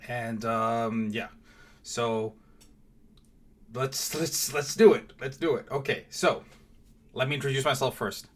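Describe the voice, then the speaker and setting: A man's voice: medium pitch, takes it slowly, long pauses. A young man from Mauritius giving a casual, hesitant channel introduction, full of fillers and restarts. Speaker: vlogger. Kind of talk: casual direct-to-camera intro.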